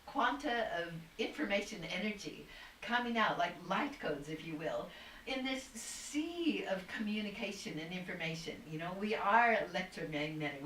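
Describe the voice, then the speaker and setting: On a video call, a woman guest with a lowish, slightly bright voice rambles at length, searching and spiritual, restarting again and again in casual conversation. The distant mic gives a roomy sound with faint noise.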